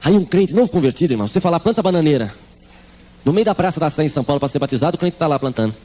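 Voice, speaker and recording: A man's voice: a little high, racing. A man with a Brazilian Portuguese accent preaching a comic testimony sermon, acting out the voices in his story. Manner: animated storytelling, acts out voices.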